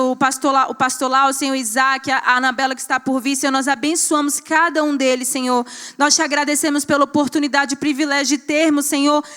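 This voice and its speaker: A woman's voice: high voice, a bit bright. A woman leading a fervent prayer in a church, repeating her appeals to the Lord. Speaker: church leader introducing the speaker. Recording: church hall reverb.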